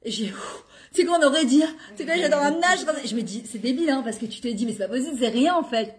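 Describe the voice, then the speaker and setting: A middle-aged woman who weaves into her talk. She tells personal stories in a lively way and acts out the dialogue. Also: high-pitched, quick pace. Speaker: guest speaker on women's talk show. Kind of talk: animated personal storytelling.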